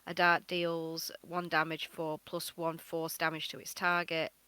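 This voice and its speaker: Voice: medium pitch, monotone, a little slow, pushed and bright, clear, resonant tone, no echo. A player at a tabletop game, hesitant and full of ums while reading rules aloud. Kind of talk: casual tabletop game chat.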